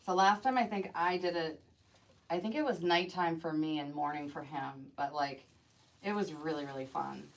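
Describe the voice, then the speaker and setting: A woman's voice: deep voice, normal speed, gravelly, low-quality recording. Chatty woman crafting on a live stream. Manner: chatty, rambling, many "like" fillers; talks to herself while working. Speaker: wreath designer hosting a live stream. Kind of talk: casual live-stream chat while crafting.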